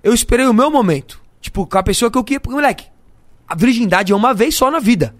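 Homem jovem brasileiro, voz aguda, som seco, conversa de podcast descontraída, fala franca cheia de gírias. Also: male voice, very high voice, expressive, fast, no room sound, clean studio sound. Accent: Brazilian Portuguese. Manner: candid, laughing storyteller who fills his talk with slang. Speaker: guest. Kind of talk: casual podcast chat.

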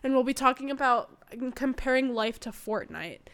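A woman chatting casually, playful and quick to laugh, directing the others. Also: high voice, animated, a bit bright, clear, resonant tone, dry recording. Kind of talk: casual chat.

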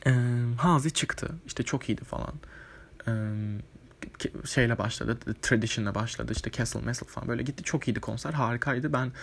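A man's voice: medium pitch, fairly quick, gravelly, slightly rough. A man telling a casual, rambling storytime monologue, chatty with lots of fillers and offhand swearing. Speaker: vlogger.

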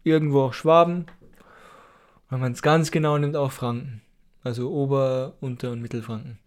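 A man's voice: medium pitch, steady tone, moderate pace. A man casually explaining things on a podcast, hesitant with many fillers and a teasing edge. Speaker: podcast co-host explaining dialects.

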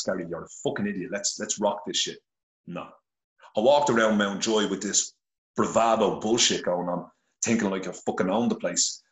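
A blunt, earnest Irish man in middle age swears freely while telling his story on a podcast, speaking into a phone held to his face. His lowish voice comes through an echoey room on poor audio.

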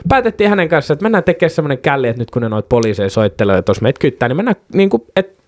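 A man's voice: mid-range voice, very animated, dry recording, clean studio sound. A man co-hosting a casual podcast, telling a rowdy story with lots of swearing and laughter.

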